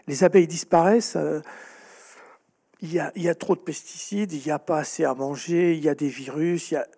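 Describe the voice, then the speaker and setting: A man speaking as a guest author in an interview, explaining at length with animated storytelling and frequent restarts. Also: fairly high pitch, fairly quick, gravelly, breathy edge.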